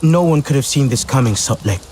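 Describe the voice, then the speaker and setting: Man playing earnest game warrior, medium-pitched, noisy background. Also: lively intonation, a little fast, darkish tone, lightly acted. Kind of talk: video game dialogue.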